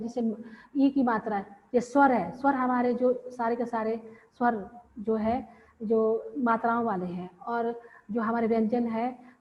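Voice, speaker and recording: Woman teacher lecturing, slow and repeats herself, kinda high voice, muffled audio. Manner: explains slowly with repeated phrases and pauses. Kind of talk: classroom lecture. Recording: dull lo-fi audio with long reverb.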